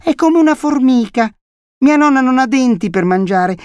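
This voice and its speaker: A man voicing an excitable small boy who is just losing his milk teeth, shrill and know-it-all in a storybook reading. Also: moderate pace, clear, resonant tone, no room sound.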